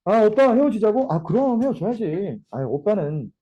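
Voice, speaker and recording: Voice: mid-range voice, big pitch swings, moderate pace, warm tone, breathy edge, highs cut off. A teacher putting on a jilted girlfriend faking cheer. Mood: mock cheerful. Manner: mock-cheerful, sarcastic sweetness. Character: heartbroken young girlfriend pretending she doesn't care.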